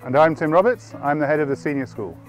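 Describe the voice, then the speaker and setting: A man who heads a senior school, giving a brisk, formal scripted presentation. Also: fairly high pitch, faint music behind. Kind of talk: scripted promotional talk.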